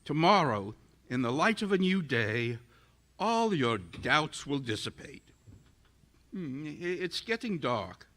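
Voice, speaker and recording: An actor playing a ruthless, megalomaniac scientist turned tyrant in audio theater, grandiose and menacing. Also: male voice, fairly high pitch, sing-song, slow, fairly bright tone, full character voice. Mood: smug, scheming. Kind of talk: live audio theater performance.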